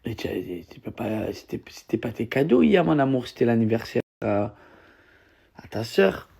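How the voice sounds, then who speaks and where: A man's voice: medium pitch, lively intonation, moderate pace, gravelly, darkish tone, husky. A man, a father playfully teasing and cooing at his baby in a casual family video. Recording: noisy phone video.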